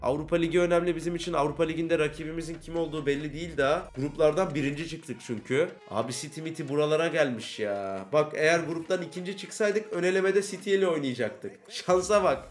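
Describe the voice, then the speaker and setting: A man giving casual, chatty commentary while he plays a football management game, swinging between grumbling and excited shouting. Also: a little high, fast, hardly any pauses. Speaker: gaming YouTuber. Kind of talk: casual let's-play commentary.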